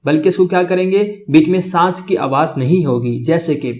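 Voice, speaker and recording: A man with a high voice leads a beginners' reading lesson. He stretches out each letter sound slowly and keeps checking that his learners follow. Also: darkish tone. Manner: slow, drawn-out letter sounds for repetition, checks in often. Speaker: Arabic alphabet teacher.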